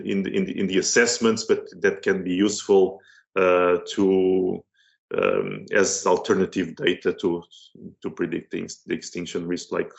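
A middle-aged man with a Portuguese accent and a very low, gravelly voice. He speaks haltingly, circling back and restarting his phrases. The audio is dull and lo-fi. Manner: hesitant, many restarts and fillers. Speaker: museum curator and researcher. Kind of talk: online course interview.

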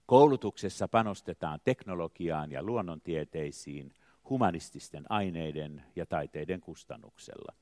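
Deep-voiced older man reciting reflectively. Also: no echo, studio quality. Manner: slow, measured, poetic delivery with swelling emphasis and trailing quiet endings. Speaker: artist, choreographer. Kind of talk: reflective spoken essay with recited poetry.

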